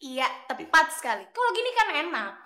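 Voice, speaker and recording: A woman's voice: sits high, very animated, a little fast, sharp tone, roomy sound, heavily acted. A woman playing an irritable customer in a slapstick comedy, snappy and scolding. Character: bossy, irritable female customer. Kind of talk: slapstick sitcom acting.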